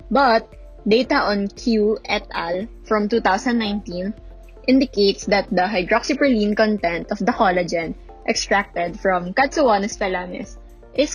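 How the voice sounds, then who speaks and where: A woman's voice: medium pitch, poor audio. A woman giving a scripted, infomercial-style presentation of student research. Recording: background music under the voice.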